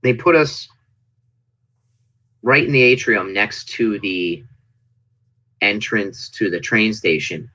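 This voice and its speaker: A man chatting casually as an interview guest, telling stories in an animated way and acting out people's reactions. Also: fairly low pitch, slow, long pauses, rough recording. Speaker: interview guest, indie wrestling performer. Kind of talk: casual interview chat, anecdotes.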